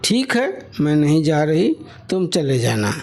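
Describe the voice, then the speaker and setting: A man's voice: fairly high pitch, very animated, measured pace, a little mellow. A man reading a novel aloud, voicing a proud young village wife who complains sharply and sulks. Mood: sulky.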